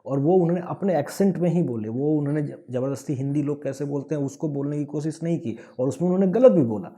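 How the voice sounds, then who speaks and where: This man from Bihar, India, talks fast in a mellow voice on the high side, his Bihari accent clear. Representing a language-awareness movement, he gives an earnest explanation, laying out each point in turn.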